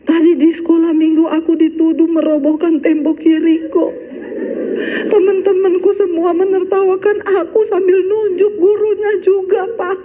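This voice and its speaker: A woman's voice: very high-pitched, level tone, normal speed, voice pushed up. A woman voicing a tearful little schoolboy complaining to his father, in a slightly dull recording. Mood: aggrieved.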